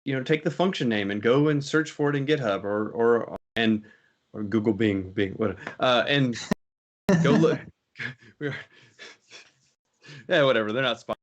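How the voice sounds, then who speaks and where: A man's voice: medium pitch, moderate pace, long pauses. A man hosting a casual tech talk show, rambling and often correcting himself as he chats. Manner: rambling, self-correcting, laughs easily. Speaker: show host.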